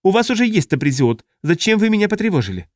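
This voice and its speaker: A man reading an audiobook, voicing a squeaky, shrill alien creature that fusses and complains. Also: very animated, fast talker, dry recording, clean studio sound. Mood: complaining. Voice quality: squeaky, high-pitched. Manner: petulant, complaining.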